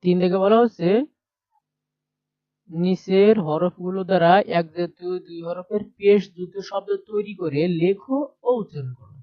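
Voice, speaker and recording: A man with a high-sitting voice and a moderate pace leads a primary class through a textbook on a shared screen. He explains step by step and repeats letter sounds aloud. The recording is dry, with lo-fi sound.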